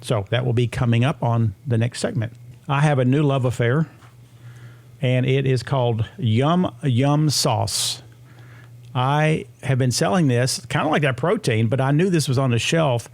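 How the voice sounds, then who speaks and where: A man's voice: medium pitch, measured pace, gravelly, a little mellow, no room sound. A man in his sixties hosting a radio show, talking casually about health. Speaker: radio host.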